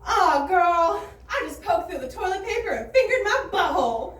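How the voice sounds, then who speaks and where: A woman's voice: very high voice, sing-song, normal speed, a bit bright, pitched above the performer's own voice, heavily acted. A woman putting on a brash, blunt gossiping girl. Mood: blunt, casual. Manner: casual, blunt, unbothered. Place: live comedy venue. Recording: roomy venue sound from a distance.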